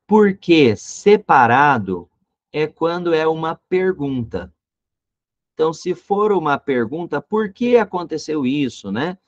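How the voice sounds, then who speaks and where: A man's voice: a little high, expressive, a little slow, darkish tone, no room sound, dull audio. A man teaching an online grammar lesson, explaining in a chatty way and checking in with his students. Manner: chatty, explaining with many tag questions.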